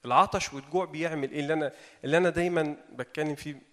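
A man with an Egyptian Arabic accent preaching an informal sermon, animated and asking his audience rhetorical questions. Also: a little high, rapid-fire, in a large hall. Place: meeting hall.

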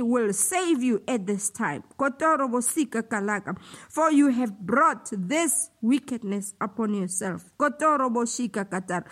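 A woman delivering a slow, solemn prophetic utterance, with passages of speaking in tongues between declamatory lines. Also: fairly high pitch. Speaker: prophetic preacher.

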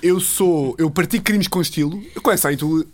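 A man running a casual guessing game, teasing and rambling. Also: on the high side. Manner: joking, teasing, fast and rambling.

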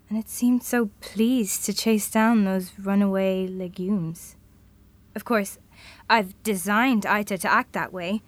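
In an audio drama, a woman voices a thoughtful, idealistic futurist, speaking reflectively and earnestly. Her natural, mid-range voice is recorded with no echo.

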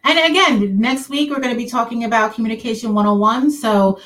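A woman's voice: fairly high pitch, a bit bright, distant mic, slight background noise. Chatty woman, a little off-mic. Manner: chatty, self-deprecating, quick restarts. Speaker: podcast co-host. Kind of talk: casual chat.

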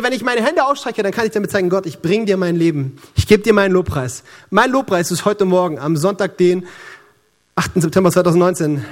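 A man with a Franconian accent preaching a sermon in a church, lively and joking as he talks straight to the congregation. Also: sits high. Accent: Franconian German. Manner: lively, joking and conversational, addressing the congregation directly. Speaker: pastor.

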